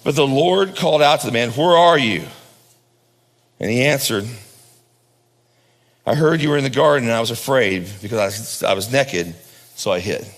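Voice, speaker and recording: A pastor preaching a sermon at a pulpit microphone, swinging from loud high emphasis down to low hushed lines. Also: male voice, in a large hall.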